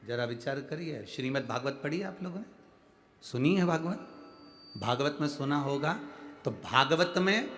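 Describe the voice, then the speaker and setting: A man's voice: mid-range voice, lively intonation, moderate pace, fairly bright tone, faint music behind. A middle-aged man preaching a devotional sermon, emphatic and calling out to the audience for responses. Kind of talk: devotional sermon to a large crowd.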